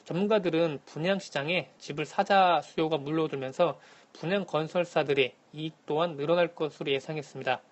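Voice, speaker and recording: A man calling in to a radio show as a correspondent, giving a formal, scripted economic briefing in a measured manner. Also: fairly high pitch. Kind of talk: scripted news briefing, answering by phone. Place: phone link to a radio programme.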